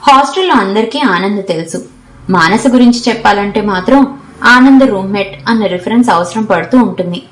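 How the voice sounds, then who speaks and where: A woman narrating an audiobook novel in a steady, even storytelling manner. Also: medium pitch, normal speed. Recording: echoey room.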